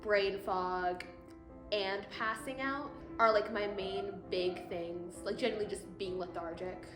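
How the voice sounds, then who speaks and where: A woman's voice: mid-range voice, fairly even intonation, a little slow. An eighteen-year-old woman answering interview questions casually, with lots of "like" fillers. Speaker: interviewee with POTS. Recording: roomy sound with music underneath.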